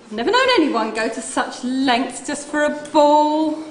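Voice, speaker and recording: A woman's voice: high-pitched, normal speed, lightly acted. A woman playing a genial, regal young prince as a pantomime principal boy, with declamatory stage delivery. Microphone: far camera. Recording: echoey hall, slight noise.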